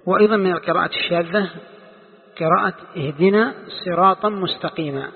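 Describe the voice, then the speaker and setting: A man with a slightly high, gravelly and husky voice teaches a classical text. He explains slowly, repeats phrases and puts questions to his listeners. The sound is thin and phone-like, with a long hall reverb. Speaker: Islamic scholar teaching tafsir.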